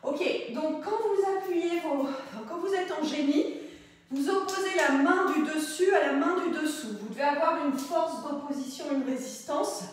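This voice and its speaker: A woman's voice: high-pitched, normal speed. A woman leading a pilates workout, upbeat and coaxing, repeating her cues as she counts and guides the moves. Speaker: pilates instructor. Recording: very echoey room, far from the mic.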